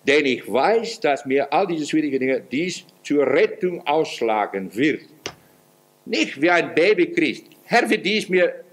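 Earnest higher-pitched male preacher. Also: lively intonation, measured pace, a little hiss or hum. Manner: earnest preaching with wide swings in pitch and loudness; acts out quoted prayers in a pleading voice. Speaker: pastor. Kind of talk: sermon.

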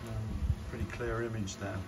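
A man with a lowish voice gives a casual drone demo commentary as a reviewer, hesitantly thinking aloud on a garden patio in the rain. He speaks flatly at a moderate pace, with loud music behind him. The low-quality outdoor recording has clear background noise.

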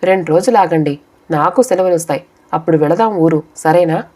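A woman's voice: on the low side, brisk, a little mellow, close to an everyday voice. A woman reading the part of a husband with a drinking habit who coaxes his children to wait. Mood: coaxing.

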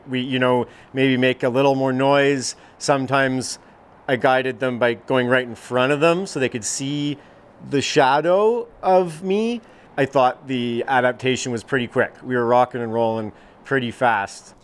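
A man in his thirties, a mountain guide, speaking easygoing in an outdoor interview on a deck, on a lapel mic. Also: medium pitch.

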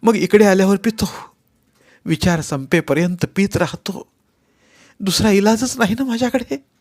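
A man's voice: high-pitched, moderate pace, darkish tone, pitched above the performer's own voice. A man voicing a despairing young stage actor who drinks, bitter and self-pitying. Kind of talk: audiobook character voice.

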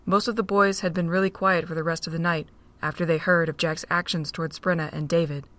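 Steady and plain, a low-voiced woman narrates a fan-made audio drama at a fairly quick clip. The recording is dry and close-miked, with no room around her.

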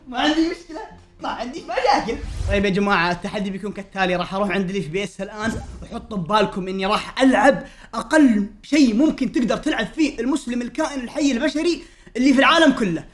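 A man hosting a gaming challenge video, playful and teasing, bursting into shouts. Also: very high voice, racing. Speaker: gaming channel host. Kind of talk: excited gaming challenge banter.

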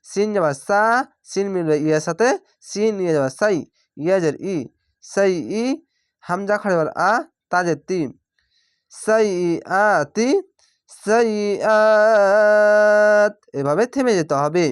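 Slow, drawn-out man teaching recitation. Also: high-pitched, clean tone, no echo, clean studio sound. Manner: slow, drawn-out spelling of each syllable. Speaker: Quran reading teacher. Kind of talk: syllable-by-syllable recitation lesson.

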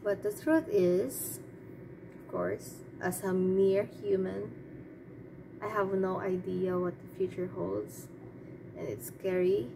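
Slow, creaky-voiced woman rambling over background noise. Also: medium pitch, steady tone. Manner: hesitant, rambling, thinking aloud. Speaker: artist giving opinions. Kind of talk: casual off-the-cuff opinion monologue. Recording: clearly noisy background.

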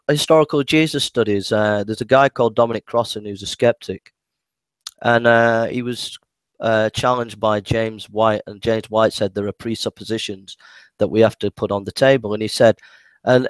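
A man's voice: on the low side, smooth, no echo. A man in a casual debate who talks hesitantly, stumbling over restarts and repeating his words.

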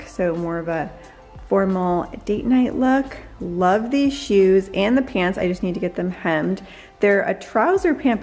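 Chatty woman in her 30s gushing about outfits at home, bit of music under her. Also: medium pitch. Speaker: lifestyle vlogger. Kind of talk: casual vlog try-on chat. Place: bright living room at home. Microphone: camera in hand and mirror selfies.

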